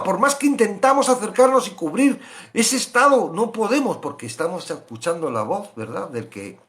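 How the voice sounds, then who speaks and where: A man preaching a sermon, animated, swinging loud questions to hushed asides. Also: sits high. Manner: acts out biblical voices in quoted asides.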